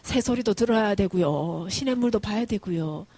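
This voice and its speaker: A woman's voice: medium pitch, lively intonation, normal speed, warm tone, breathy edge. Woman doing a dreamy, stubborn little boy. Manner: wide-eyed, stubbornly insistent.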